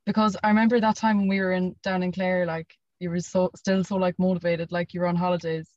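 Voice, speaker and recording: A woman's voice: lowish voice, little pitch movement, fast talker, a little mellow, dry recording. Young Irish woman interviewing, dry dull sound. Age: young adult. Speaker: podcast host, interviewer. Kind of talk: casual interview chat.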